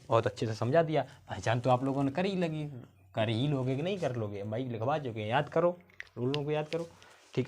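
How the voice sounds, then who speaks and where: A male teacher works through grammar examples with his class, one step at a time. He keeps checking with his pupils whether they have understood, and he slows down to spell out words. His voice sits at an ordinary middle pitch. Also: a little mellow. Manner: explains step by step, asks the pupils questions again and again.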